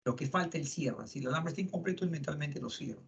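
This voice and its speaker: Male lecturer, middle-aged, fairly high voice, chatty with tag questions, dull lo-fi classroom recording. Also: lively intonation, quick pace, vocal fry. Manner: conversational, frequent tag questions. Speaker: psychology lecturer.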